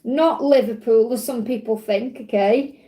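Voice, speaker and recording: A woman's voice: a little high, measured pace, warm tone. A woman with a Stoke-on-Trent accent, giving a casual, reassuring live card reading to viewers. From Stoke-on-Trent, England. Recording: roomy, echoey sound.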